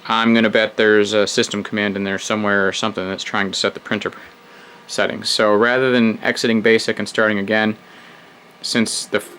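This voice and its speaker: A man's lowish, slightly bright voice stays fairly quick and shows little pitch movement as he hosts a retro computer video. Casually thinking aloud, he reads the old program's prompts and drops wry asides. The recording is low quality with slight background noise.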